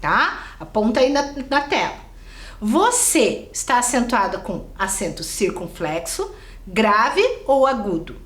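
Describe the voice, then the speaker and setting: A woman's voice: fairly high pitch, sing-song, slow pace, fairly bright tone, roomy sound. A woman with a Brazilian accent, giving a recorded video lesson to children and checking in with them often. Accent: Brazilian Portuguese. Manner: talks straight to the pupils and checks in often. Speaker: teacher.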